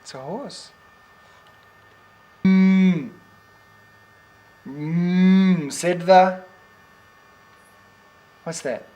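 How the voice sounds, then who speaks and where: A man's voice: sits high, very slow, long pauses, mellow. An older man, playfully reading picture books to a toddler at home, with teasing questions and animal noises.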